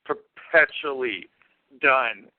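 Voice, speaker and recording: A man's voice: mid-range voice, drawn-out words, no room sound. A man co-hosting a casual film review podcast, speaking hesitantly with many fillers and restarts. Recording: phone-like remote call line.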